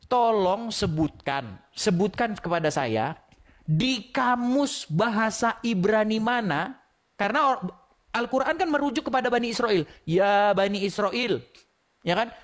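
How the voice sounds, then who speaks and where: A woman arguing in a live debate, pressing her opponent with rhetorical questions and laughing as she argues. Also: a little high.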